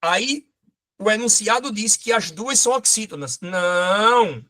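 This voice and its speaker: A man teaching a lively exam-prep grammar lesson, pointing things out as he goes. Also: high-pitched, measured pace.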